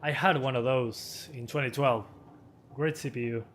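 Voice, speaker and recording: A man in his twenties, slightly hoarse, casually answering viewer questions on a live stream as a hardware tester with quick chuckles. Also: mid-range voice, steady tone, a bit bright, slight background noise. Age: 20s.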